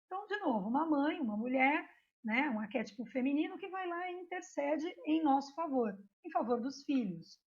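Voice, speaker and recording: A high-voiced Brazilian woman teaching an online yoga course. She tells stories in an animated, chatty way, with many little asides. The recording is muffled and lo-fi. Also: moderate pace. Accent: Brazilian Portuguese. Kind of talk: online course lecture with storytelling. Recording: dull lo-fi recording.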